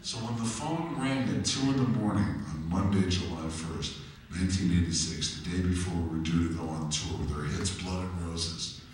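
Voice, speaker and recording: A man's voice: sits low, normal speed, slight background noise. Chatty New Jersey man telling stories onstage. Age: 50s. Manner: chatty, joking, asks the crowd questions. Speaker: musician telling stories on stage. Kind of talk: live storytelling to an audience. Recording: echoey hall from far off.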